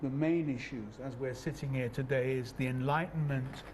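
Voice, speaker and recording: A man's voice: medium pitch, steady tone, normal speed, a loud crowd. A man speaking as a guest in a policy discussion, recorded in an echoey room with some ambient noise. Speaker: panel guest.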